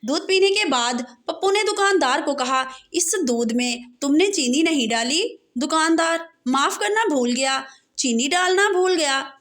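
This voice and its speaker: A woman's voice: high-pitched, lively intonation, unhurried, hardly any pauses, a bit bright. A woman reading out a string of short jokes, with a laugh track between punchlines. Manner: punchlines followed by canned laughter. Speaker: joke teller.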